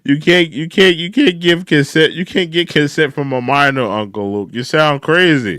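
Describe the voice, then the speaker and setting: Here a commentary host in his thirties talks at a normal speed, his voice on the high side and a bit bright. He's incredulous and repetitive, aiming his reaction directly at the person he criticizes.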